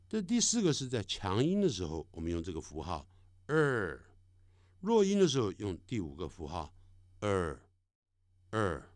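A middle-aged man teaching English vowel sounds, speaking slowly and deliberately and drawing out each sample sound. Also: on the low side, no room sound, clean studio sound. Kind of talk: recorded classroom lesson.

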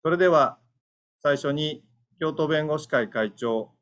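A man who is a lawyer, moderating an online seminar in a formal, polite, measured announcing style. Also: a little high, a bit bright. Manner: polite, measured, keigo-heavy. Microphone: online webinar audio.

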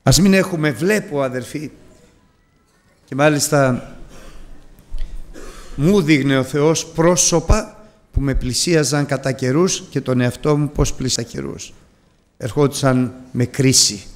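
A man preaching a Sunday sermon to his congregation, moving from hushed, low pleading to high, loud cries. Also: long pauses.

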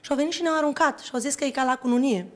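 Female singer guest, high-pitched, anecdotal and laughing in a TV studio chat. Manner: laughing, storytelling. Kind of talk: casual interview chat.

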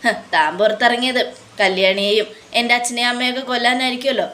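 Woman voicing a sarcastic young man, accusing, taunting, fairly high voice. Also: fairly even intonation, quick pace, sharp tone. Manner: mocking, accusing. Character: young man, vengeful and sarcastic toward villain.

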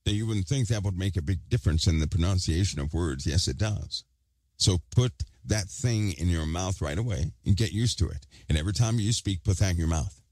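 Deep-voiced man preaching with emphatic repetition. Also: brisk, a little mellow, no echo. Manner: emphatic, repeats phrases for stress; speaks with a hard object in his mouth. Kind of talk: online sermon.

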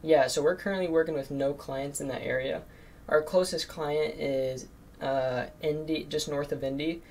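This clip captures a marketing agency owner in his late teens cold calling prospects and chatting casually in between. He speaks at a moderate pace in a slightly high, somewhat mellow voice with fairly level intonation, and his nerves show through constant "um"s and "like"s. Some faint background noise is audible.

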